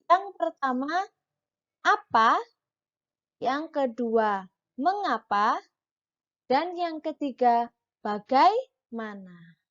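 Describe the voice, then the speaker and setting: A woman teacher giving a patient reading lesson to children, reading the dialogue aloud with clear, marked intonation. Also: on the high side, muffled recording. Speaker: primary school teacher.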